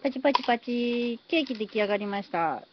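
A woman's voice: fairly high pitch, animated, brisk. A woman live-streaming from her phone, chatting casually and thanking viewers for their comments as she builds. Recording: slightly dull phone stream audio, faint noise.

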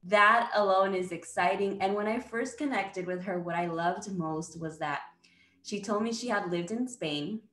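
A woman's voice: mid-range voice, normal speed, slight background noise. Roomy-sounding woman podcast host. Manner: warm welcoming, mixes in Spanish greetings. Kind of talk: video-call interview. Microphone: video call webcam. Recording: roomy video-call sound.

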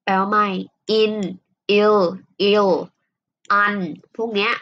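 A woman teaching an English listening lesson, explaining in her own language and reading English examples slowly and carefully. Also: medium pitch, monotone. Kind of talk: recorded online lesson. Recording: dull lo-fi recording with faint noise.

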